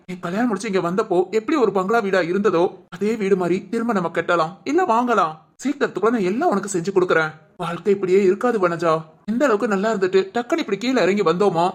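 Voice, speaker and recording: A patient young husband and father, soothing and hopeful, as a woman acts him out. He talks quickly in a middle-pitched voice, gently pleading in a homespun storybook drama. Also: lightly acted.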